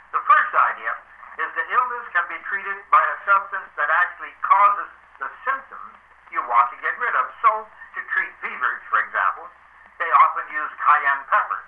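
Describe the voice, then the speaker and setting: A man's voice: fairly high pitch, phone-quality sound. A man reading a prepared public statement as a foundation's spokesman, emphatic and challenging, captured on a dictaphone recording.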